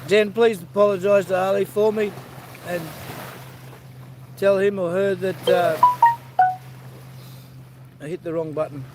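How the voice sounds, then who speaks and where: A man's voice: high-pitched, steady tone, a little slow, long pauses, heavy background noise. An Australian man chatting easygoing to viewers on a live stream, greeting them by name. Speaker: livestream host. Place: outdoors by the sea.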